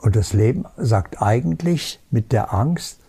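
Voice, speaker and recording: A man giving a spiritual teaching talk, calm and certain, stressing his points with emphasis and rhetorical questions. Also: mid-range voice, unhurried, vocal fry, slightly rough.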